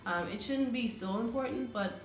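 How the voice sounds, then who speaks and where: A woman's voice: a little high, moderate pace, reverberant, soft background music. A woman from the Caribbean, co-hosting a casual couple's vlog, talking earnestly with many fillers and restarts. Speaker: vlogger, co-host of a couple's channel. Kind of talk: casual chat.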